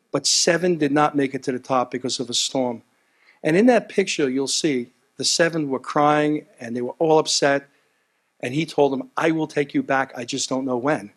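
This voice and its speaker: Man, gala speech, earnest, a bit high voice, animated storytelling, repeats phrases. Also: normal speed. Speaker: gala speaker. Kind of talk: heartfelt gala speech with anecdotes. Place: event hall.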